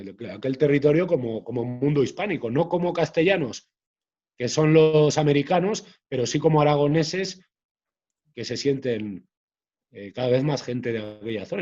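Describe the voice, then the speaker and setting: A man, a guest author talking in an interview in a measured way, often restarting his phrases. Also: mid-range voice, a little mellow, dull audio. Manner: measured, hesitant with frequent restarts. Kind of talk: conversational interview.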